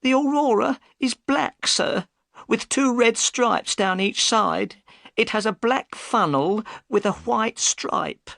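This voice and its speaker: A man voicing an upset, tearful working woman in high falsetto for a storybook reading. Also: slow, vocal fry, fairly bright tone, no room sound, studio quality, heavily acted. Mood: anxious. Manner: high, strained falsetto, sobbing at times.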